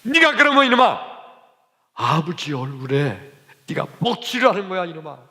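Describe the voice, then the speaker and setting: A strict, stern father disciplines his young son with short, sharp commands, as a man puts him on. The voice is pitched up and forceful. It echoes with the long reverb of a church hall. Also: normal speed, close to an everyday voice.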